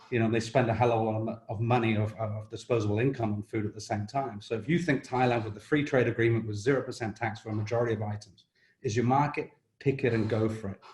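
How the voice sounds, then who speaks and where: A man's voice: fairly low pitch, darkish tone. A man speaking on a business panel, direct and conversational, often saying "you know". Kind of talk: panel discussion answer. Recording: roomy echo.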